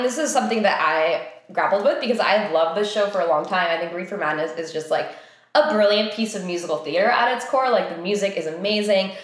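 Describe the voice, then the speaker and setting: A young woman, a theatre company co-founder and director, talking casually and thinking aloud with lots of fillers. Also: mid-range voice. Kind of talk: casual conversation. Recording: very echoey room.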